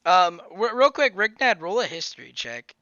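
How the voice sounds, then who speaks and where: A man running a tabletop game as game master, halting, with many ums and uhs. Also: high voice, sing-song, sharp tone, clean tone, no room sound, muffled recording. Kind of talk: narrating a tabletop game over a call.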